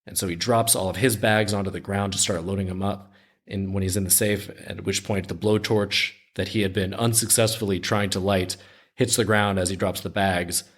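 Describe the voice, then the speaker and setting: A man's voice: on the low side, a bit bright. A man hosting a podcast, casually retelling a story in a conversational way with frequent restarts. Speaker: podcast host.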